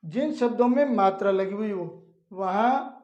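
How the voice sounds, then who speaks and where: A woman teaching a reading lesson, slowly spelling out and pronouncing words one at a time. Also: mid-range voice, warm tone. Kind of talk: slow Hindi reading lesson. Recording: echoey room, dull lo-fi sound.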